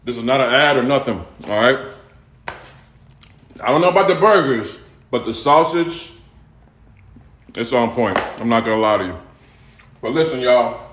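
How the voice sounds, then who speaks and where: A man's voice: medium pitch, expressive, normal speed, pauses often, a bit bright, a little hiss or hum. Laid-back Houston man in an echoey kitchen. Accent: Houston, Texas. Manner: laid-back, talks straight to viewers, repeats phrases. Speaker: livestream cooking host. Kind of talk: casual live-stream chat. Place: home kitchen.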